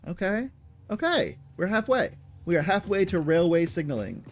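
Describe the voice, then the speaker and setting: A man's voice: sits high, big pitch swings, moderate pace, a little hiss or hum. A man streaming a factory-building game, chatting casually to himself as he plays, often addressing the machines. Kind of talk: casual gameplay commentary. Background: game music.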